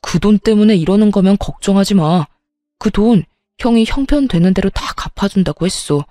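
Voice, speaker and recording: A woman's voice: medium pitch, moderate pace, warm tone, no room sound, close to an everyday voice. Pleading cheating husband, read by a woman. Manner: begging, making excuses.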